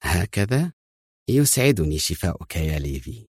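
A sly, probing intelligence general, voiced by a man, stern and watchful. The voice swings between low and raised, with lively movement. The read is dry and close to the mic. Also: normal speed, breathy edge, no echo. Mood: cool suspicious. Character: suspicious shrewd Israeli intelligence general.

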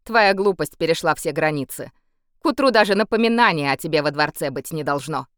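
A woman reading a cold possessive emperor, commanding, lively intonation, audiobook character, dry close recording. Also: deep voice, brisk, dry recording. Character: cold, possessive male emperor with a beastly temper.

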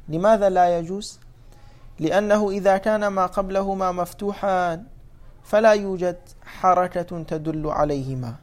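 A man gives a patient grammar lesson at an unhurried pace. He repeats each rule and keeps stopping to check that his students follow. When he reaches a word form, he slows almost to a crawl to spell it out. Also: high-pitched, darkish tone. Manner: patient explaining, repeating rules, often checking understanding. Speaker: Arabic grammar teacher. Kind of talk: classroom lesson on Arabic morphology.

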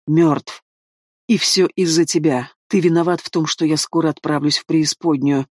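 A man's voice: a little high, fairly even intonation, moderate pace, no room sound, clean studio sound, lightly acted. A man as a wheezing, spiteful dying king. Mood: bitter. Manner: wheezing, bitter, mocking.

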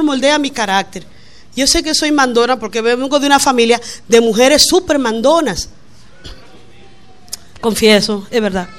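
Lively, bright-voiced woman pastor preaching. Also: high voice. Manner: lively, playful sermon with acted-out quotes. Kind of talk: sermon. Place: church.

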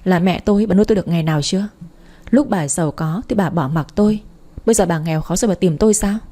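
A woman's voice: lowish voice, fast, mellow, lightly acted. A woman doing a spiteful hysterical young woman. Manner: screaming accusations, bitter.

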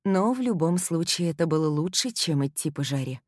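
A woman narrating a first-person novel in an audiobook, wry and expressive. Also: low-pitched, brisk, dry recording, studio quality.

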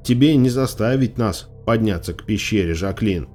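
A man's voice: on the low side, expressive, normal speed, mellow, soft background music, close to an everyday voice. Man doing a worried little girl in a storybook, stubborn, says no firmly. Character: anxious stubborn young girl. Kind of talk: audiobook character voice.

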